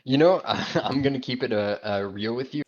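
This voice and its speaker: A man's voice: mid-range voice, fairly quick, darkish tone, lo-fi sound. A man co-hosting a casual podcast, laid-back and jokey, swearing now and then. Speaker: podcast co-host. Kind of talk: casual chat.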